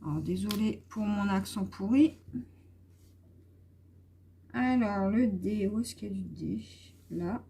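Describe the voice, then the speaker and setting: Slow, mellow-voiced woman chatting while coloring. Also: mid-range voice, vocal fry, slight background noise. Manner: hesitant, many fillers, talks while coloring. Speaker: vlogger. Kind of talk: casual coloring vlog chat.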